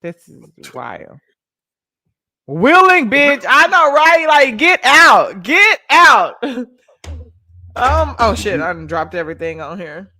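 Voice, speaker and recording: A woman hosting a casual video-call chat, loud and animated, swearing and laughing as she reacts. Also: a little high, slow, no room sound. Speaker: host.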